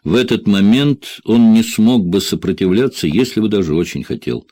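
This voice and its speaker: A man narrating a thriller audiobook in a steady, measured reading. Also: lowish voice, no room sound.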